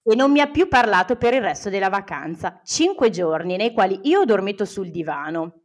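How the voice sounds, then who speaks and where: A woman co-hosting a podcast, telling a personal anecdote in a wry, deadpan way with dry jokes. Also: mid-range voice, fairly quick. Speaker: podcast co-host. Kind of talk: ironic storytelling of a personal anecdote.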